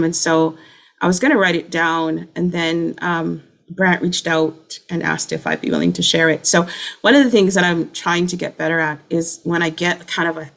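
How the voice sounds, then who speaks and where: A woman with a hoarse, stuffy voice from a head cold, sharing a spiritual word in an earnest, apologetic, informal way. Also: lowish voice, a bit bright. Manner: apologetic, earnest, many restarts. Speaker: speaker sharing a prophetic word. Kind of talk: informal church sharing over a broadcast.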